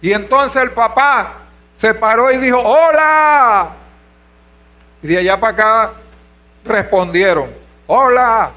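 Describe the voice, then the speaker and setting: High bright-voiced preaching man, lo-fi. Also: normal speed. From Venezuela. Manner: preaching with rhetorical questions, calls of hermano and aleluya. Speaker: pastor. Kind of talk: sermon.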